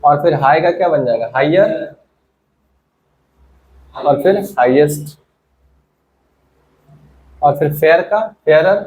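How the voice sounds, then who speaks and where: A man's voice: a little high, normal speed, a little mellow, poor audio. A male teacher giving a classroom grammar lesson, asking questions and having his students answer together. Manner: quizzing students, prompting them to answer together.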